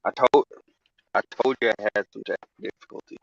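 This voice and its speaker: A woman's voice: rumbling low, steady tone, brisk, creaky, slight background noise. A woman calling in to a stream over a choppy, glitchy call connection that keeps breaking up, asking brief, polite questions. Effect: choppy glitchy call audio breaking up. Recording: dull lo-fi online call line.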